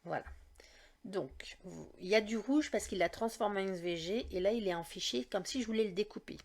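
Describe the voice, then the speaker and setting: Gravelly-voiced woman hosting a craft tutorial. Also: mid-range voice, brisk. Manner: chatty, leans on "donc" and "d'accord?". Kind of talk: casual step-by-step screen tutorial.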